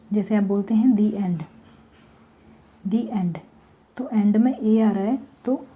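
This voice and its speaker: A woman teaching a grammar lesson, slowly explaining step by step with examples. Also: mid-range voice, dark tone, lo-fi sound.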